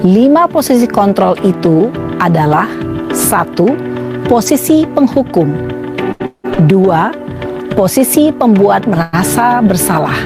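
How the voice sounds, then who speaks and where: A woman reads a scripted lesson narration in a clear, even, instructive way, her voice at a middle pitch. Loud background music plays under her throughout. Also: slow, long pauses. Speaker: teacher presenting a training module.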